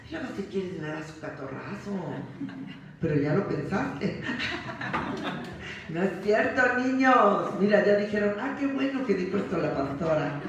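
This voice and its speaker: Mexican woman pastor, jokey sermon with laughs, far from the mic in a booming church. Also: gravelly, heavy reverb. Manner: humorous storytelling with laughter.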